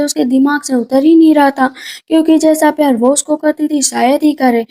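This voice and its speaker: A woman narrates a drama recap in a high, mellow voice. She retells the story conversationally, repeating lines for emphasis. Her delivery is casual rather than performed.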